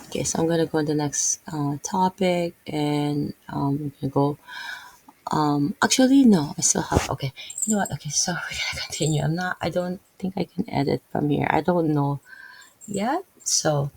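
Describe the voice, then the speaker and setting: In this low-quality recording with slight background noise, a woman from the Philippines hosts a Bible video, reading verses and explaining them loosely with constant fillers, restarts, and self-corrections. She has a Filipino accent and a low, gravelly, somewhat mellow voice at normal speed.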